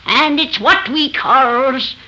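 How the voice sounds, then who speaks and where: A woman's voice: high-pitched, bright, forceful tone, full character voice. A woman playing an ancient, gleefully eerie witch who tells horror tales in rustic, archaic speech on 1930s radio. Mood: eerie, relishing. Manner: archaic rustic dialect, cackling, drawn-out delivery. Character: ancient cackling witch, 117 years old, gleefully eerie storyteller. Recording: noisy 1930s radio recording.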